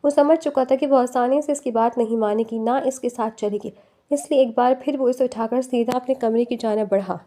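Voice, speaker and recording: A woman's voice: a little high, steady tone, warm tone. A woman narrating a dramatic romance novel in an emotive storytelling manner.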